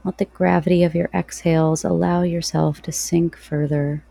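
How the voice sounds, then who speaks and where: A woman podcast host leading a guided breathing meditation in a soft, slow, soothing delivery with long pauses. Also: on the low side, flat delivery, gravelly, dry recording.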